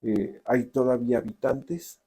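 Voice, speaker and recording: A man with a Mexican accent speaks in a low, gravelly voice with a dark, husky tone. He answers interview questions deliberately, pausing and restarting often as he works through his thoughts. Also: steady tone, rough recording. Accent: Mexican Spanish. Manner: deliberate, many restarts and hesitations. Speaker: novelist guest.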